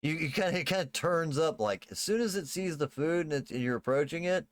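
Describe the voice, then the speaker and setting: A man working as game master, improvising tabletop game narration in a casual, halting way. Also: a little high, lively intonation, no room sound.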